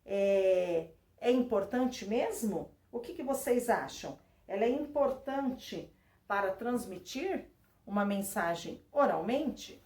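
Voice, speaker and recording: A woman teacher, reading and explaining a textbook lesson at an even, patient pace. She keeps checking in with her students through tag questions. Her voice sits a little away from the microphone in a roomy space. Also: medium pitch, takes it slowly, far from the mic. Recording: roomy sound, voice away from the mic.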